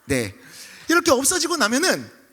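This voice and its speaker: A young male pastor preaching in an animated storytelling style, acting out scenes and voices. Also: very high voice, moderate pace. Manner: lively, acts out scenes, shouts and mimics voices. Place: church sanctuary. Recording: livestream with long hall reverb.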